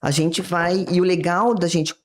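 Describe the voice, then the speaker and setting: A woman's voice: fairly low pitch, steady tone, unhurried. A woman with a Brazilian Portuguese accent, a psychiatrist guest explaining ideas in an interview and acting out short example dialogues. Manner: didactic, acts out little dialogues from examples.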